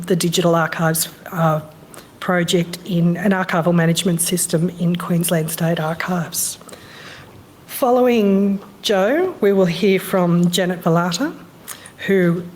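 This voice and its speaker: A woman chairing a conference session and introducing speakers in a chatty way, a little hoarse as she is losing her voice. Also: lowish voice, darkish tone, slight background noise. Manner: chatty, with fillers. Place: conference room.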